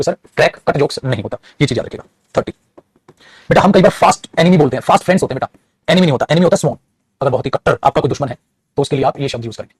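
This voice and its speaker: In a dry recording, a husky man with a mid-range voice lectures on English grammar in class. Patient in his explanations, he calls the students "child" and adds a bit of moral guidance.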